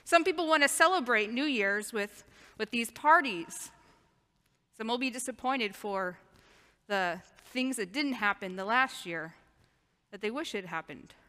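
A woman's voice: a little high, expressive, a little slow, bright, forceful tone. A woman pastor giving a sermon in plain, explanatory language in a large church. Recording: reverberant church hall.

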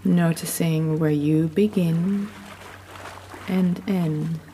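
A woman giving soothing, unhurried sleep story narration, gently guiding the listener through relaxation. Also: sits low, steady tone. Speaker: guided sleep meditation narrator. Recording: long reverb, audible background noise.

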